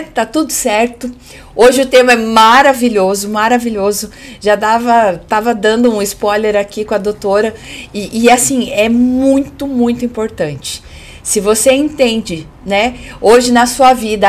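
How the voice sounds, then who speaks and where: A Brazilian woman hosting a podcast in a casual, effusive way, her voice slightly hoarse and giving out. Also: on the high side. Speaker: podcast host.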